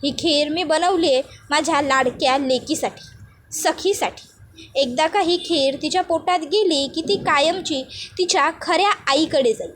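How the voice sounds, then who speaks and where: A woman's voice: high-pitched, normal speed, a little hiss or hum, lightly acted. A woman voicing a scheming middle-aged mother who talks coldly and coaxingly.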